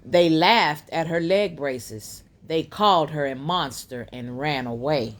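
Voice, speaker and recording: With a low-pitched voice, a woman reads a children's picture book aloud as a bedtime story. Her storytelling is deliberate.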